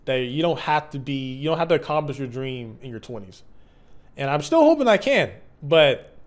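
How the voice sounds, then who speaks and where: A man in his mid twenties talking candidly and off the cuff as a video creator, earnest and reflective, halting and conversational with slang. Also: medium pitch. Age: mid 20s. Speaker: YouTube content creator. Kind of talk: candid, unscripted personal vlog.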